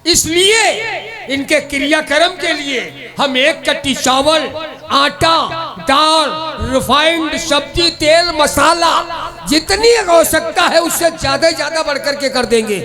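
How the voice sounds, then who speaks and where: A man playing a scheming middle-aged village headman in a folk stage drama, declaiming loudly. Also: very high voice, takes it slowly. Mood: generous. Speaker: stage actor. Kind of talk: folk nautanki stage acting.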